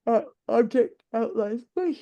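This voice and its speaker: A sleep-deprived woman teaching a live online design software class, talking in a loose, rambling way with many fillers and restarts. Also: fairly high pitch, animated, measured pace.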